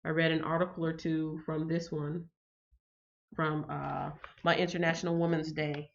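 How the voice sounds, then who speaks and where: A woman with a low voice that barely moves in pitch speaks at normal speed, in a muffled recording with slight background noise. She's a chatty, slightly congested livestream host who reads viewer comments aloud and uses frequent ums.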